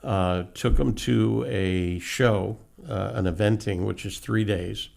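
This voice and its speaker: A man's voice: on the low side, fairly even intonation, slow, a little mellow. A middle-aged man who runs a horse carriage farm, telling folksy stories about his horses in a casual interview. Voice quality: gravelly. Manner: folksy, anecdotal storyteller.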